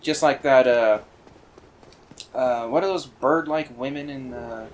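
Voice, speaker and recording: A man giving casual, rambling commentary on a video game he is playing, full of fillers and excited asides. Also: medium pitch, a little slow, a little hiss or hum. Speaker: let's play commentator.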